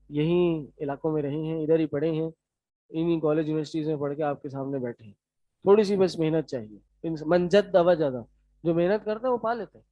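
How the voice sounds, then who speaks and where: A man with a Pakistani Urdu accent teaching a lesson, quizzing his students in a brisk, encouraging way. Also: on the high side, dry recording. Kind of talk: classroom lecture. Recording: dry, slightly dull sound.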